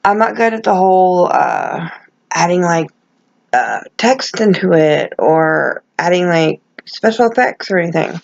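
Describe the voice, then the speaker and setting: A middle-aged woman talks casually to her viewers in a lowish, creaky voice. Her words have the soft, gummy shaping of someone speaking without teeth. She rambles candidly and pokes fun at herself. The recording is muffled and lo-fi. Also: lively intonation, a little slow. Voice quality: toothless, gummy articulation without dentures. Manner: rambling, self-deprecating, candid. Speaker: vlogger. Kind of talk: casual chat to camera.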